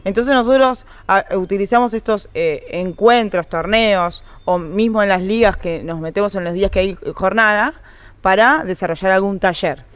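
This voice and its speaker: Argentine-accented woman guest, chatty and expressive, average pitch. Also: normal speed, smooth, no room sound. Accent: Rioplatense Spanish. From Buenos Aires. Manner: animated, laughing, acts out dialogue. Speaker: guest, women's football organizer. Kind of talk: casual storytelling interview.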